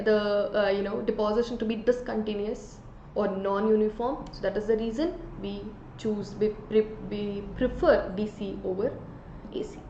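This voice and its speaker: A woman's voice: a little high, a little hiss or hum. A woman with an Indian accent teaching an exam revision lesson, explaining by asking questions and answering them herself. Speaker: chemistry teacher. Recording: echoey room, slightly dull sound.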